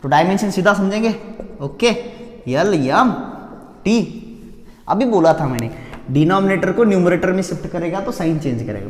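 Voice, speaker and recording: Guy teaching physics, playful, answers his own questions like the students, kinda high voice, echoey room. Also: a little mellow. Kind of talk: classroom-style lecture. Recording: echoey room with long reverb.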